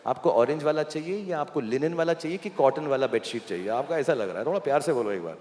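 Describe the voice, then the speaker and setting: A man's voice: on the high side, lively intonation, quick pace, a little mellow. A man hosting a live stage event, joking with and coaxing guests in playful banter. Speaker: stage host. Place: event stage in a large hall. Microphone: handheld microphone. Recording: long hall reverb, faint noise.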